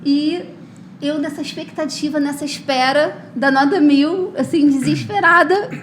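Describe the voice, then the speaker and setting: High-voiced Brazilian woman host in an echoey room. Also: a little slow, slight background noise. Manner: chatty, eagerly prompting the guest. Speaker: podcast host, teacher. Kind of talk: casual podcast interview. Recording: echoey room with faint ambience.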